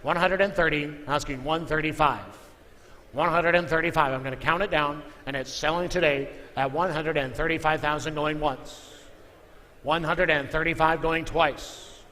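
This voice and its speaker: Repeating figures and urging bids, a male auctioneer chants through a live sale in a large indoor room. He has a highish, sharp voice with fairly even intonation and moderate pace, captured in an echoey hall with obvious background noise.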